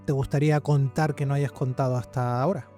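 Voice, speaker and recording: A man's voice: medium pitch, fairly even intonation, brisk, warm tone, soft background music. A man who hosts a podcast, asking interview questions and adding short, encouraging replies. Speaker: podcast host.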